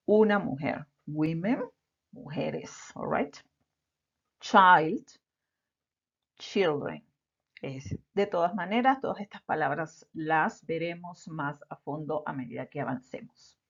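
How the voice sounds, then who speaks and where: A woman's voice: deep voice, creaky. A woman teaching an English lesson patiently, repeating example words and checking in with "all right?". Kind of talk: slow explanatory lesson. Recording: dull lo-fi recording.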